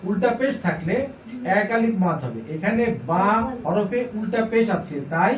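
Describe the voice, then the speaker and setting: A man's voice: high voice, lively intonation, moderate pace. A man teaching a class how to read the Quran, patiently repeating each point and putting questions to the students. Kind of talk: classroom lesson. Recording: echoey room, distant mic, faint noise.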